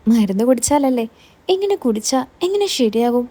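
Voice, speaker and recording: A woman's voice: fairly high pitch, sing-song, normal speed, mellow, husky. Woman reading as a weary, bitter aunt. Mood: resigned.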